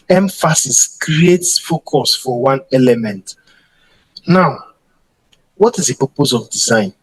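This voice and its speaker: A man's voice: medium pitch, breathy edge, rough recording. A man teaching a design class, often repeating and restarting his words and speaking straight to his students. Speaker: design instructor. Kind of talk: classroom lecture on slides. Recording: voice over strong background music.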